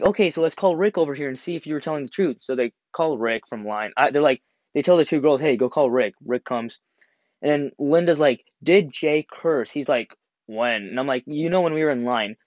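A young man telling a school story in a casual, animated way, acting out the quotes and laughing as he goes. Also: medium pitch, no room sound. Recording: dry, slightly dull home recording.

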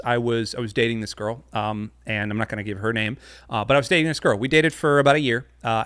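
A man's voice: on the low side, fairly bright tone, clear, resonant tone, no room sound. Chatty pastor man, dry close sound. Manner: chatty, joking, many fillers. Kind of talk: casual sermon to a livestream. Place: home studio.

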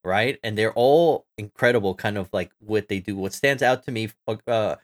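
A man with a fairly low voice co-hosts a podcast. He chats in a relaxed, rambling way, full of "like" and "um". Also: moderate pace. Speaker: podcast co-host. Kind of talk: casual chat.

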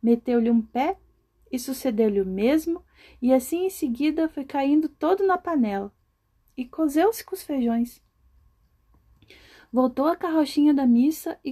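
Woman narrator for a folk tale, lively read, pitched a bit high, warm mellow tone. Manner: lively, often laughs while reading. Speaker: storyteller. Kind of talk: reading a folk tale aloud.

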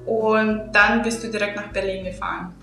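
A woman's voice: medium pitch, steady tone, normal speed, gravelly, a bit bright, soft background music. Young woman hosting an echoey chat. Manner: friendly questioning with many fillers. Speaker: host. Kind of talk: casual interview chat.

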